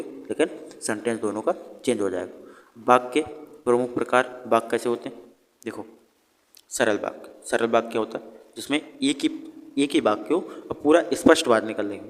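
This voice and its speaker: Man, teacher, exam revision lesson, asks and answers his own questions, middle pitch, long room reverb.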